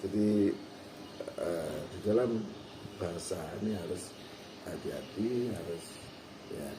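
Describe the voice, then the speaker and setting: A man teaching Quran recitation in a relaxed, folksy way, now and then acting out short quotes. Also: deep voice, slow. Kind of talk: informal religious lesson. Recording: roomy hall with faint background noise.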